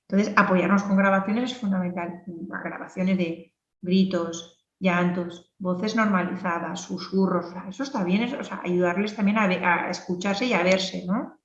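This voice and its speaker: A woman's voice: mid-range voice, far from the mic, lo-fi sound. Woman lecturing in an echoey room. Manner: lively, explanatory, many tag questions. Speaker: speech therapist lecturer. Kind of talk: clinical lecture.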